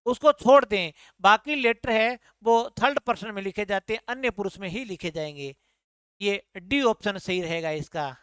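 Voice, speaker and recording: A woman's voice: fairly high pitch, a bit bright, smooth, no echo, studio quality. A woman exam tutor working through answer-key questions, explaining each one and repeating answers back as questions.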